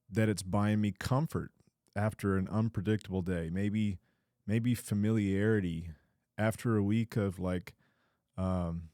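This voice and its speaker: A man's voice: fairly low pitch, mellow, no room sound, clean studio sound. A man hosting a casual self-help talk, humorous and conversational, with frequent restarts. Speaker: host.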